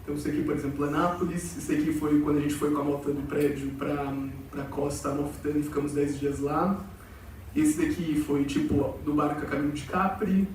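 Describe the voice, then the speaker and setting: This is a young adult exchange student from Brazil, chatting loosely and with lots of fillers as he presents informally to students. The voice is slightly high, a little mellow, brisk and fairly monotone, captured distantly in a cavernous, echoing auditorium over faint noise. His Brazilian Portuguese accent is sprinkled with Portugal slang.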